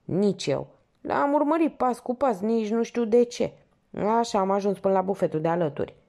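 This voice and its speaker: An urgent young man from a storybook, as a woman reader plays him, pressing his questions in a raised, animated voice. The gravelly, warm grain of the reader stays under it. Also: medium pitch, pitched above the performer's own voice. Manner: urgent, insistent. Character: agitated young sporty male painter.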